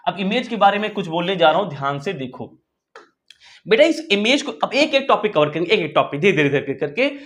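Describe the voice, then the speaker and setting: A man's voice: high-pitched, fairly bright tone. A man with an Indian accent teaching maths informally to school students online, repeating phrases, coaxing attention and often checking understanding with questions. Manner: addresses listeners familiarly, coaxing attention.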